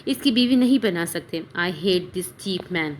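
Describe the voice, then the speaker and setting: A woman voicing a young bride under a spell, sharp and contemptuous in her outbursts. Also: lowish voice, lively intonation, slow, slight background noise. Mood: furious.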